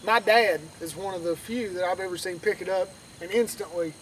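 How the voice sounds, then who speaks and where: A man's voice: high-pitched, fairly quick, fairly bright tone. A man giving an informal, conversational outdoor tutorial as an instructor, with a folksy manner, repeating points for emphasis. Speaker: duck calling instructor. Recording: distant mic outdoors, faint background noise.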